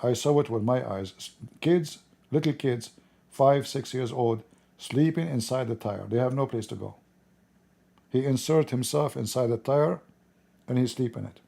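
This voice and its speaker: A man with an Arabic accent, a native Arabic speaker, giving blunt, informal political commentary in halting, repetitive non-native English. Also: mid-range voice, vocal fry, mellow. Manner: blunt, opinionated.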